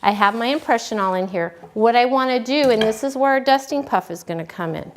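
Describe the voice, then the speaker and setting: A woman cake decorating instructor giving a relaxed, folksy hands-on demonstration, talking as she works. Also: on the high side, a little fast, a little hiss or hum. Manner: folksy, relaxed, talks while working.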